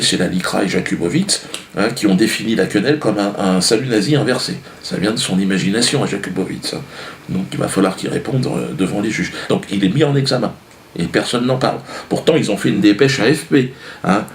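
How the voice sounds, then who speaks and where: A man delivers a loose, sardonic comedy monologue, rambling and full of fillers. His voice is low and gravelly. The room echoes with faint noise behind. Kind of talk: stand-up monologue.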